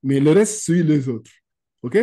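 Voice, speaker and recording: Man, Quran reading teacher, warm voice, patient step-by-step explaining, video call. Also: on the high side, animated. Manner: slow, drawn-out recitation of Arabic words for repetition. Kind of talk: one-on-one lesson over video call.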